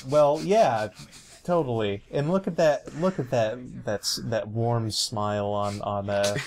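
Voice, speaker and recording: A man's voice: medium pitch, takes it slowly, a little mellow. A young man giving casual let's play commentary, rambling with many fillers and restarts and laughing often.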